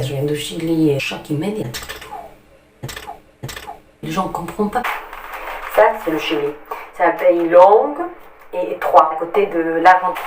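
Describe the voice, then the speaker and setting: A woman's voice: on the low side, far from the mic. A young woman from Chile, speaking French with a Chilean Spanish accent, doing a chatty, self-mocking stand-up monologue. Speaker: comedian. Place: small bathroom at home. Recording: echoey bathroom, off-mic, faint hiss.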